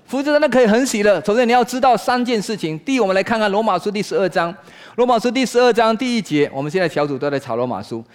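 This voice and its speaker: A man preaching a sermon in Mandarin, asking rhetorical questions and swinging between loud exclaiming and hushed talk. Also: high voice, expressive, fast talker. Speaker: pastor.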